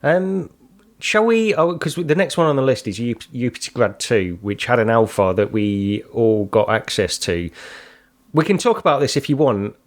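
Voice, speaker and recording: An easygoing man with a mid-pitched voice co-hosts a podcast. He agrees readily and keeps the chat moving in a relaxed tone. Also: moderate pace. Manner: easygoing, agreeable, steers the conversation. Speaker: podcast co-host.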